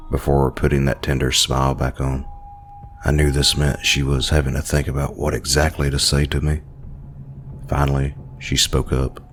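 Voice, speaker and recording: A man telling a horror story in a slow, brooding narration. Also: very deep voice, vocal fry.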